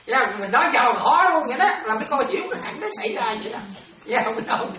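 A Buddhist nun talks fast and expressively, her voice sitting high, in a chatty dharma talk for her disciples, often checking that they're following along. Crowd noise fills the roomy, distant recording.

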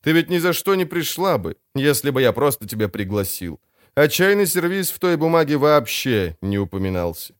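Picture a sly, self-satisfied crime boss, smooth and expansive as he talks his way out of trouble, his pitch rising and falling freely. A man reads him in an audiobook, recorded dry and close. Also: sing-song, moderate pace, no room sound. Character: vain sly older male crime boss. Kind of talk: audiobook character voice.

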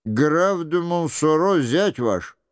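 Young nobleman, restrained and measured, subdued tone, read by a man. Clear storybook voice. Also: fairly high pitch, expressive, no echo, studio quality.

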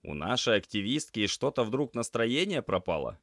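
A brash, teasing young tomcat student, put on by a male narrator. The voice jumps high and swings widely, loud and playful. It sits dry and close to the mic. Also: very animated, moderate pace, dry recording, exaggerated voice. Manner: teasing, boisterous. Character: cheeky young male cat student, joker.

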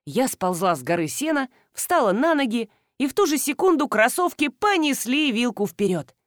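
A woman narrating a first-person story in a wry, brisk way with animated dialogue. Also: high-pitched, no echo, studio quality. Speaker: audiobook narrator.

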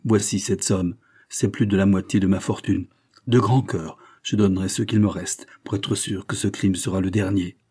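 Scheming gentleman all grave and formal, man reading it out, dark husky voice. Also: sits low, steady tone, normal speed. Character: scheming smooth-talking middle-aged gentleman.

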